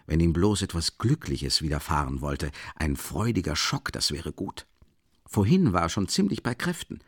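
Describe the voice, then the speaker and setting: A man voicing a calm, firm male doctor who speaks in a measured, concerned way. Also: low-pitched, husky, no echo, clean studio sound, heavily acted.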